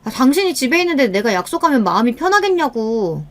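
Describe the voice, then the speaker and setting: A woman's voice: high-pitched, sing-song, slow, dark tone, pitched above the performer's own voice, heavily acted. A woman voicing an irritable, defensive wife in a scripted radio story, with a snappish, complaining delivery. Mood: irritated. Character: irritable, defensive wife in her thirties or forties.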